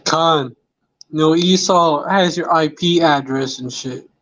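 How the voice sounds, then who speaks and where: A man's voice: fairly high pitch, slow pace, fairly bright tone. A man hosting a casual chat, drawling and swearing as he reads out news. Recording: dull lo-fi sound.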